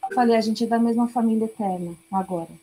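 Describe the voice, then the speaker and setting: Missionary lady telling her story, high-ish voice, acts out the lines. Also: fast talker, mellow, husky, low-quality recording. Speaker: missionary guest. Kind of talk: storytelling testimony.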